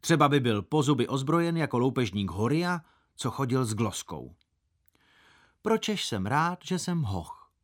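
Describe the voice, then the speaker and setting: Lively male audiobook narrator. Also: mid-range voice. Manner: expressive, puts on voices for quoted characters. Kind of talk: audiobook reading of a boy's first-person story.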